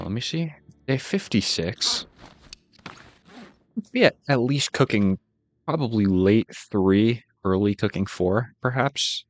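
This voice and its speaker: A man with a Boston accent giving relaxed, casual commentary as he plays a game, musing aloud and chuckling at himself. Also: low-pitched. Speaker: gaming channel host.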